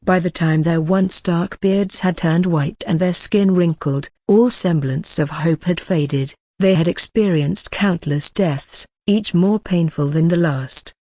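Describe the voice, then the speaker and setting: A text-to-speech narrator reading a dark fantasy novel at a steady, even pace, with occasional mispronunciations. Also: medium pitch, a little slow, hardly any pauses, no echo, clean studio sound. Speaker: audiobook narrator. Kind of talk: scripted narration of a web novel.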